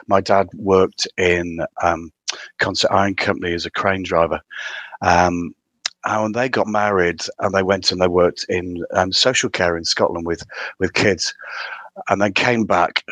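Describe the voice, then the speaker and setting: A man's voice: low-pitched, a bit bright, dry recording. A middle-aged man with a County Durham accent tinged with Midlands, chatting casually as an interview guest in a self-deprecating way. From County Durham, England. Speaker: podcast guest.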